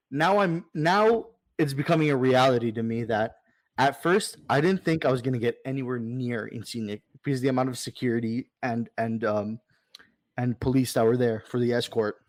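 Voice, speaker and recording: Animated storytelling man, dry sound. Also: medium pitch, normal speed, no echo. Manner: animated, retells scenes with quoted dialogue. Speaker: supporters' club president, podcast guest. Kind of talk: casual storytelling.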